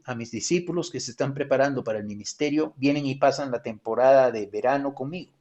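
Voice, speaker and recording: A man, a pastor teaching a theology class over a video call, telling stories in a lively way and acting out the voices he quotes. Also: fairly high pitch.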